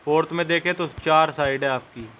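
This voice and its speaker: A man's voice: fairly high pitch, brisk, a bit bright, slight background noise. A young man teaching a chemistry lesson step by step and speaking directly to his students. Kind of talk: classroom-style lesson.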